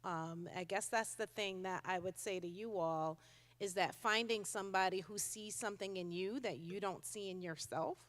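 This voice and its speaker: A woman's voice: mid-range voice, normal speed. A woman in her fifties from Connecticut, giving a conversational speech at a conference with frequent ums. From Connecticut, USA. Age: 50s. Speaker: keynote speaker, child welfare commissioner. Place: large conference hall with audience. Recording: long hall reverb.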